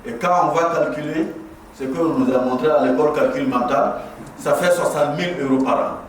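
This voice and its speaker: A guest speaker at a mosque inauguration, this middle-aged man from Burkina Faso preaches impassionedly in a ceremonial speech, reinforcing his points through repetition. He speaks at a moderate pace in a fairly high voice. Captured far from the mic in a large prayer hall, the sound is very echoey with a little hiss or hum.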